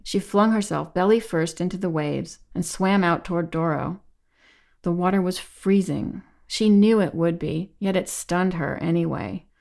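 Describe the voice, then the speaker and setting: A woman reading a novel aloud in measured, even audiobook narration. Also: on the low side, gravelly.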